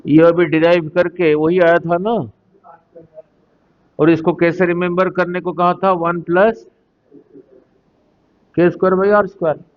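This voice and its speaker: A man teaching a physics class, explaining slowly and deliberately and often asking his students whether they follow. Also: high-pitched, flat delivery, clear, resonant tone, lo-fi sound. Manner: slow, deliberate explaining, mixing Hindi and English, asking the class questions. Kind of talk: classroom lecture on a whiteboard.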